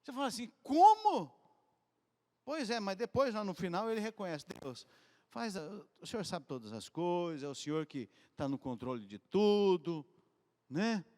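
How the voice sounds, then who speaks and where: A man preaching a sermon in a conversational, animated storytelling way, from Brazil. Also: high-pitched, moderate pace, big-room sound. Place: church hall.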